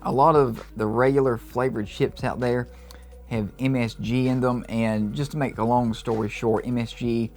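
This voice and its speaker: A man giving an enthusiastic, casual review of low-carb snacks, reacting as he tastes them. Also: fairly even intonation, moderate pace, darkish tone, soft background music. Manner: upbeat, enthusiastic tasting reactions. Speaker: food reviewer. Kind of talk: casual product review vlog.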